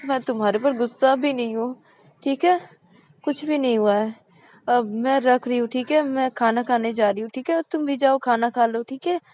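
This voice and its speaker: A woman voicing a quick-tempered young woman in a told love story, with high, loud, dramatic exclamations. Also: lightly acted. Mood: placating. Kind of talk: storybook voice acting.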